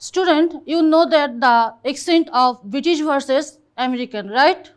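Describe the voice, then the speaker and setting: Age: adult. Sex: woman. Pace: very slow. Role: English teacher. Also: high voice. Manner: halting English, spells words letter by letter. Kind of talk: classroom teaching. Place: classroom.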